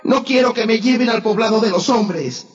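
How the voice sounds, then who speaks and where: A man voicing a stubborn young jungle boy raised by wolves, in a high, strained boyish voice. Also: normal speed, natural voice. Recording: echoey, dull, music behind.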